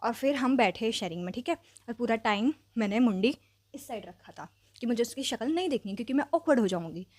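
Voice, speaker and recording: Young woman, fairly high voice, chatty storyteller, English phrases mixed in, dry close sound. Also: brisk, no room sound. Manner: chatty, animated, heavy use of fillers; mixes English phrases into speech. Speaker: vlogger. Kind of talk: casual storytelling.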